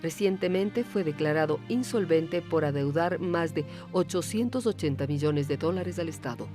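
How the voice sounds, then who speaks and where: A woman narrates a documentary. She delivers figures and facts in a measured, even way, with clear music playing behind her. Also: deep voice.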